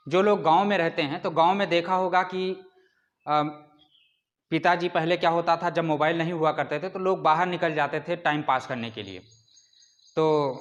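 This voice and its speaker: A man with a notably high speaking voice gives a classroom lecture. He asks questions of his listeners and answers them himself, and he draws out sounds to demonstrate them. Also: fairly bright tone. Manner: explains with rhetorical questions and drawn-out calls. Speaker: teacher.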